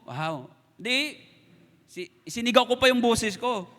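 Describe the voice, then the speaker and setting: A man's voice: extremely high pitch, slow pace, in a large hall. A man with a Filipino accent preaching a sermon, telling personal stories and acting out what people said. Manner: storytelling, animated, acts out quoted lines. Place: church sanctuary.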